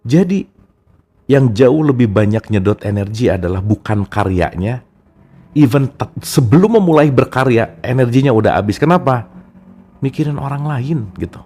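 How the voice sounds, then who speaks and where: A man's voice: medium pitch, lively intonation, moderate pace, warm tone. A man giving a casual, chatty talk about a self-help book and speaking straight to his listeners as friends. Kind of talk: casual spoken book discussion.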